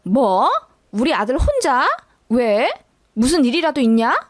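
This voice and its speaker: A woman's voice: high-pitched, animated, unhurried. A woman voicing a nagging, indignant older mother-in-law in a dramatized story reading. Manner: indignant, scolding.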